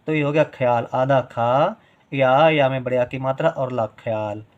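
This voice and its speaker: A man's voice: medium pitch, normal speed, highs cut off. A man teaching a spoken writing lesson, patiently repeating syllables and stretching sounds to show how long each is held.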